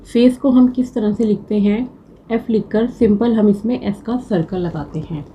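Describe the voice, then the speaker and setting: A woman teaching shorthand uses a mid-range, dark-toned voice, slowly repeating each word with patience to drill it. Slight background noise is present on the low-quality recording.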